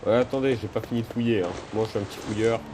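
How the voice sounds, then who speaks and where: A man's voice: fairly low pitch, racing, noisy background. A man playing a video game and commentating casually, joking and talking to viewers and characters. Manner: jokey, excitable, talks to viewers and game characters. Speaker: gaming video host. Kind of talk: casual let's-play commentary. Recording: loud game music behind.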